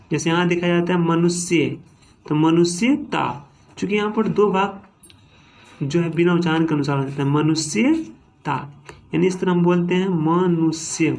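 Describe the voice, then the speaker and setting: A man's slightly mellow voice sits high as he teaches grammar classroom-style. He dismantles words syllable by syllable, repeating himself and checking in again and again with "ठीक है" and "है ना."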